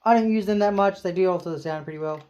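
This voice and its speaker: A man's voice: sits high, quick pace, distant mic, highs cut off. A man casually reviewing keytars in his small home studio, rambling and enthusiastic, with many fillers. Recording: roomy studio with keyboard music behind.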